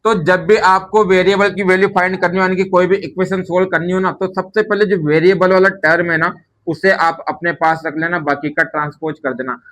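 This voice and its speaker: A man explains a maths lesson patiently. His voice sits a little higher than most men's. He keeps asking questions and then answers them himself, as if speaking to a class. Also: steady tone, fairly quick, fairly bright tone. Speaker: maths teacher.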